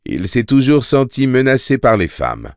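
A man's voice: mid-range voice, big pitch swings, normal speed, no echo, studio quality, voice pushed up, lightly acted. A man voicing a polite, approving but hypocritical male figure in an audiobook reading.

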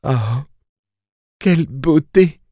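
A man's voice: fairly high pitch, expressive, drawn-out words, warm tone, no room sound, studio quality, voice pushed up, exaggerated voice. A man voicing a crazed new mother who croons and shrieks over her baby, in an audiobook. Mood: crooning. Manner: crooning then shrieking, breathless.

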